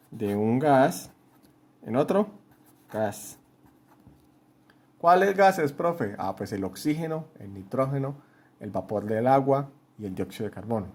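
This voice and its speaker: A male chemistry teacher from Colombia talks through a lesson at a middle pitch. He explains patiently, writes on a board as he goes, and keeps checking that his students are following. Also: darkish tone. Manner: explains patiently, often checks understanding with "¿cierto?"; writes on a board while talking. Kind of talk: home-school lesson at a whiteboard.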